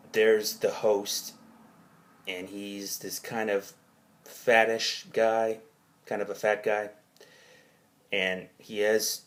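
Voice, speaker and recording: A man recounting his own dream in a rambling, halting way, hazy and puzzled as he gropes for details and rephrases himself. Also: on the low side. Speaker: narrator of own dream journal.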